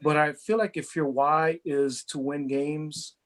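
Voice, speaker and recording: A man's voice: a little high, level tone, unhurried, fairly bright tone. A middle-aged man from Hawaii, a head football coach, answering interview questions in an earnest, reflective way, often repeating words as he thinks. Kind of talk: interview answers, casual chat.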